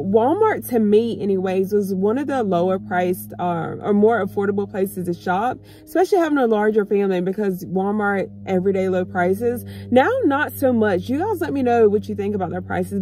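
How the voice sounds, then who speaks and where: A woman's voice: mid-range voice, fairly quick, hardly any pauses, dark tone, slight background noise. Chatty woman vlogging from her car. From United States. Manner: chatty, addresses viewers as y'all. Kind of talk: casual chat to camera. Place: parked car, indoors. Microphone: phone camera on dashboard.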